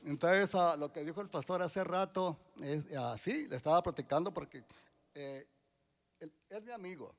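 Gravelly older man, halting. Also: on the high side, lively intonation. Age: 60s. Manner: halting, many restarts and fillers. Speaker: church member giving testimony. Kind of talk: church testimony.

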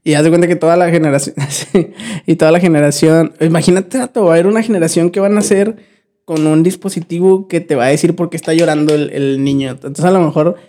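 Young Mexican man, casual podcast talk, slangy, higher-set mellow tone. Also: quick pace. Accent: Mexican Spanish. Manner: relaxed slangy, frequent restarts and fillers. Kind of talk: casual chat.

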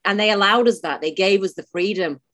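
A woman's voice: mid-range voice, fairly quick, fairly bright tone, dry recording, studio quality. A woman in her forties with a Mancunian accent, an actress chatting as a podcast guest, enthusiastic and laughing often. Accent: Mancunian English. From Manchester, England. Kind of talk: casual interview chat.

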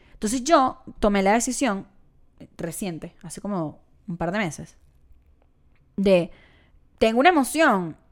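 A woman's voice: mid-range voice, smooth. A young woman with a Venezuelan accent, hosting a casual solo podcast in a chatty, self-mocking way. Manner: chatty, self-mocking, acts out little voices. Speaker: podcast host and comedian.

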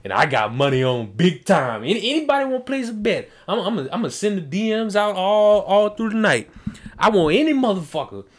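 A man hosting a casual podcast in a room with friends. He is brash and boastful, full of trash talk and swearing, and his voice sits a little high with big swings up and down. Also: big pitch swings, brisk. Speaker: podcast host.

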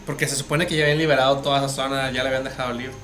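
Talking casually about an anime series, this man explains things at length in a Mexican Spanish accent, frequently tripping up and starting sentences over. His mid-range voice is level, a bit bright, and delivered rapid-fire.

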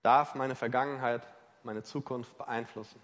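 A man's voice: mid-range voice, fairly even intonation, a little slow, fairly bright tone. A man preaching a sermon, emphatic and questioning his listeners directly. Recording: long reverb of a large hall.

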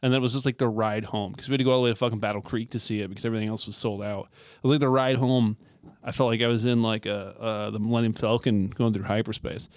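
A man's voice: lowish voice, fairly even intonation, fast talker, dry recording, clean studio sound. A young man co-hosting a podcast, talking in a laid-back, profane casual style. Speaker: podcast co-host. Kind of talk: casual chat.

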